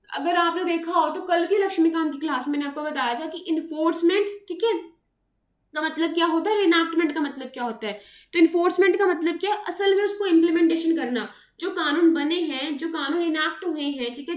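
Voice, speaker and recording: Woman, Indian accent, exam lecture, switches into English a lot, echoey room. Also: sits high. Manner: mixes English into explanations, keeps asking "ठीक है?". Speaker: civil services exam teacher. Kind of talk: online lecture. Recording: roomy echo.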